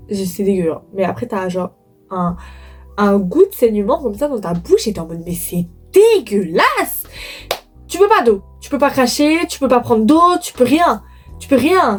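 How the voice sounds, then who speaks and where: A young adult woman telling a personal story to viewers in casual, slangy chat, expressive and dramatic, repeating phrases for emphasis. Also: medium pitch, husky.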